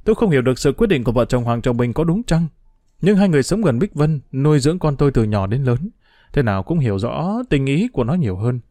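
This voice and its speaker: A man narrating a novel as a first-person diary, reading in an expressive, emotional way. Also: medium pitch, fast talker, dry recording. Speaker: audiobook narrator.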